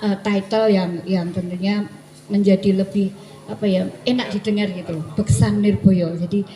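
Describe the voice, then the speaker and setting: A woman choreographer talking casually and hesitantly, with many pauses and fillers. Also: a little high, warm tone. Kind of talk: casual conversation. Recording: echoey room.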